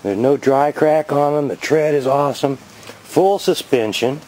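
This low-quality recording, with a little hiss or hum, shows a fifty-something vlogger by his garage outside, wandering through an excited show-and-tell of his finds on a handheld camera. His voice is slightly high and his pace measured.

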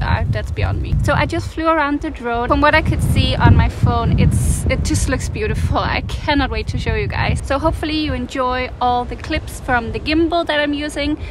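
Chatty high-voiced woman vlogger. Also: heavy background noise. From Denmark. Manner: chatty and enthusiastic. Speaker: travel vlogger. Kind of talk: casual vlog narration to camera.

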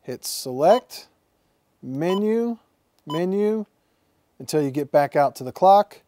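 A man with a fairly high, mellow voice talks slowly and expressively in a dry recording. Working in a TV weather studio, the meteorologist handles a radio and kindly walks viewers through setting it up, one step at a time.

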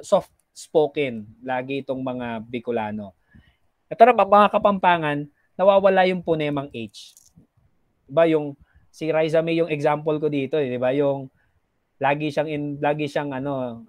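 A man with a slightly high voice gives a recorded lesson, explaining patiently and lightly acting out how people in different regions speak. The sound is close and dry, with no room around it. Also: darkish tone, dry recording. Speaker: teacher. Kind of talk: recorded classroom lecture.

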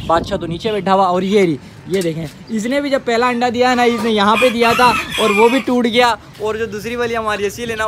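A hoarse young man chatting casually to viewers in a pet vlog, recorded outdoors among animal pens. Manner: chatty, addresses viewers directly; coaxes animals in a high sing-song call. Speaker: pet vlogger. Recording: noisy outdoor phone recording. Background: farm birds and ambient noise.

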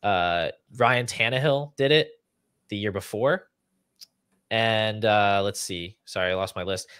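A young man hosting a fantasy football podcast speaks a little slowly in a lowish, fairly bright voice that is clear and resonant. He explains figures and walks through lists conversationally and analytically. Despite the video call setup in a small room at home, the audio has studio quality with no echo.

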